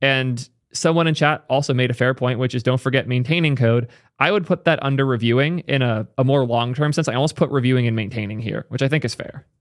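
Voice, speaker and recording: A young man talks through programming opinions in a loose, opinionated commentary style, thinking aloud and tossing in quick asides. His voice sits at an ordinary male pitch. The sound is close and dry, with no room around it. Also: no room sound. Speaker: tech streamer reacting to clips. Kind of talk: casual commentary.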